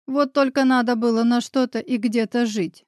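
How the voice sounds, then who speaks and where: A woman's voice: fairly even intonation, moderate pace, no room sound, natural voice. A woman reading the part of a bitter, defensive middle-aged woman in an audiobook, voice close and dry. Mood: bitter confession. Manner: shrill and defensive. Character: bitter scheming middle-aged woman, future mother-in-law.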